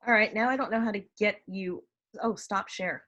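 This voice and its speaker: Woman, mid-pitched voice, informal participant in an online group chat. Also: normal speed, pushed and bright. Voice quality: smoker's cough. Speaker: participant in an online get-together. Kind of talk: casual group video chat. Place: indoors on a computer video call.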